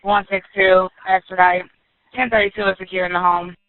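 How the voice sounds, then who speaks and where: High flat man dispatching over walkie-talkie. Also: dry recording. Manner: clipped, brisk code-speak. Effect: heard over a police walkie-talkie radio. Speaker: police dispatcher. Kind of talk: police radio traffic. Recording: tinny, dry radio channel.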